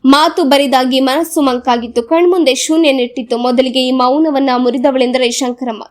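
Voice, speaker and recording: A woman narrating a novel as an audiobook in a measured, solemn reading. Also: high-pitched, steady tone. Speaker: audiobook reader. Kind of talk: scripted narration.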